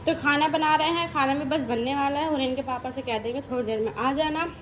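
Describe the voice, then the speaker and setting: A woman's voice: brisk, fairly bright tone. Chatty young woman in a noisy home vlog. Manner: chatty, rambling, switches to high baby talk with her toddler. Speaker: vlogger. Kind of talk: casual home vlog chat.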